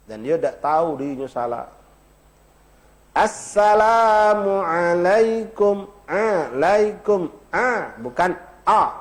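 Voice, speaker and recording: A man teaching an Islamic study circle, stretching out Arabic phrases to show how to say them and talking to the audience in a folksy way. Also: high voice. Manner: demonstrates pronunciation, drawn-out chanted Arabic phrases; addresses audience directly, folksy humor. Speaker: religious teacher.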